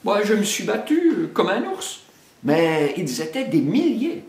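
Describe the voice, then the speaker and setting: Un homme qui joue un gros ours maladroit et vantard, d'une voix bourrue et forte, dans un conte lu à voix haute. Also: male voice, sing-song, a little slow, a little mellow, full character voice. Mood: worried bluster. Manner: gruff big voice, raised and pitched up. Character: big clumsy boastful male bear. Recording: echoey room.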